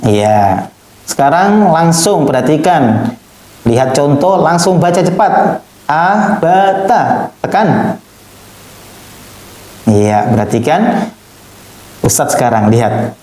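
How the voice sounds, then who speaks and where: A male Quran reading teacher, drilling children through syllables with sharp, high, pressed demonstrations and low coaching asides. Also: big pitch swings, takes it slowly, pauses often. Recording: echoey room.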